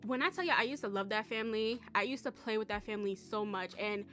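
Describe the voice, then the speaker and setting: Excitable bright-voiced woman vlogger. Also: medium pitch, fast, soft background music. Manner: excitable, rambling, slangy, swears. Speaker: Sims content creator. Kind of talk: casual chatty vlog.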